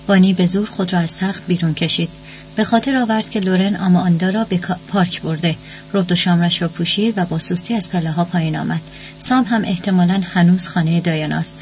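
A woman with a lowish voice reads a novel aloud in an even, measured way. The recording is dull and lo-fi. A faint hiss runs underneath. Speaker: audiobook narrator. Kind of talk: scripted narration.

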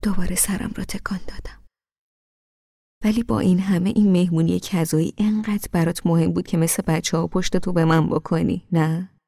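A woman reading an audiobook, voicing a young husband who reasons with his wife in a soft, hushed voice. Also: on the low side, flat delivery, gravelly, no room sound, studio quality. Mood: reproachful. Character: patient young husband, calm and reproachful.

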